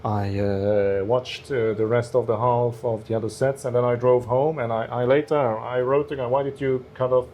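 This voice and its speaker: A man's voice: medium pitch, steady tone, moderate pace, few pauses, darkish tone, a little hiss or hum. A man, a stand-up comedian guest, telling stories in a casual interview, hesitant with many restarts. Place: bar cellar.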